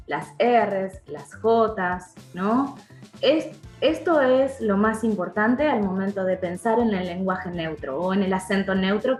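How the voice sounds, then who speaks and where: A woman's voice: medium pitch, echoey room. A woman with an Argentine accent, a voice-over and dubbing artist, explaining pronunciation patiently in a podcast interview and repeating words to show the sounds. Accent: Argentine Spanish.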